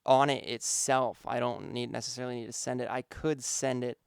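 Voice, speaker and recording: In a relaxed instructional walkthrough, a producer explains how he mixes vocals, musing aloud and using some fillers. His voice is medium in pitch, steady, brisk, creaky, and clean in tone. The recording is dry, with clean studio sound.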